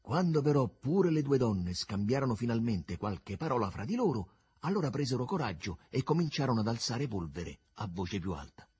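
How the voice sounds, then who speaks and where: A man narrating a literary novel with an expressive, swooping storytelling delivery. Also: mid-range voice, moderate pace, husky.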